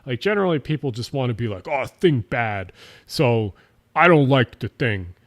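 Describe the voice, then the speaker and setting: This livestream host is a man from South Jersey, USA, whose accent shows as he rambles casually through a late-night stream, slightly tipsy. He answers chat with lots of fillers and restarts. His voice is medium in pitch with lively intonation at a moderate pace.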